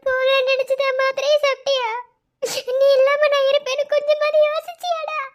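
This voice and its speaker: A woman's voice: very high-pitched, level tone, normal speed, muffled recording. A woman doing a weeping young cartoon wife. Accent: Madurai Tamil. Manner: weeping, self-blaming. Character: heartbroken young wife weeping over her husband.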